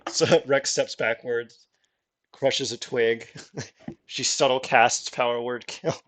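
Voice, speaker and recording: A man narrating as game master of a tabletop game, often laughing and filling pauses with um. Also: mid-range voice, fairly even intonation, a bit bright. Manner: laughs often, many ums.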